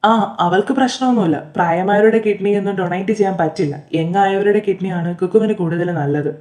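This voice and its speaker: A woman voicing a young adult son who explains things to his father in a brisk, matter-of-fact way. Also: mid-range voice, darkish tone, lightly acted. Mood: practical.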